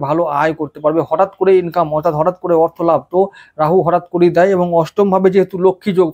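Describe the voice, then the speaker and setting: A man's voice: on the high side, darkish tone. A man with a Bengali accent, an astrologer giving a weekly horoscope and rattling off lists of predictions with fillers and restarts. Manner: rapid listing with fillers and restarts. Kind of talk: weekly horoscope talk to camera.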